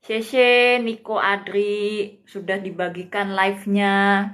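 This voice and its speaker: A woman's voice: mid-range voice, flat delivery, takes it slowly, a bit bright. A woman teaching a live-streamed Mandarin lesson, patient and greeting viewers by name.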